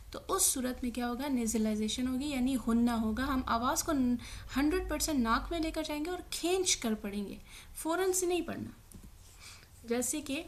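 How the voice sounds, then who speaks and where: A woman teaching a tajweed lesson. She recites each word slowly twice, then explains quickly. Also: sits high.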